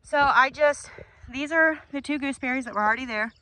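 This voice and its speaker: A woman chatting casually to camera as a homesteading vlogger, informally explaining chores outdoors with a tractor rumbling behind. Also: brisk, bright, forceful tone, no room sound. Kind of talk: casual vlog chat to camera. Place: outdoors on a farm.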